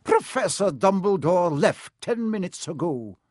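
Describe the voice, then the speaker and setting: A man's voice: sits high, sing-song, unhurried, no echo, studio quality, voice pushed up, exaggerated voice. A man voicing a strict older female professor in a storybook reading, clipped, formal and imperious. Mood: cold, reproving.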